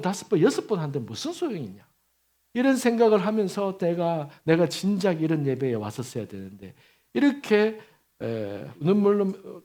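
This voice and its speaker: A man in his fifties, a pastor preaching a sermon, telling stories in an emphatic, animated way. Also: sits high. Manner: storytelling with lively acted quotes and laughter.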